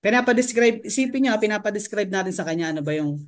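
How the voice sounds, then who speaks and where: A man's voice: sits high, lively intonation, fast talker. A man leading a training seminar, who keeps asking his audience rhetorical questions and mixes English terms into his talk. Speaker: network marketing trainer.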